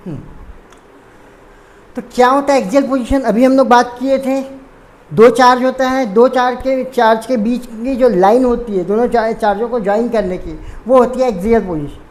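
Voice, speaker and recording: A woman's voice: a little high, moderate pace, darkish tone. A woman teaching a physics lesson. She explains step by step, repeats terms and corrects her own slips.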